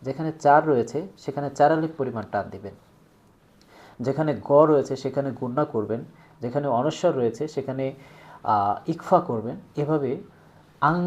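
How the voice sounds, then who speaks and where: A man demonstrating a product step by step, slowly drawing out example words. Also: medium pitch, darkish tone.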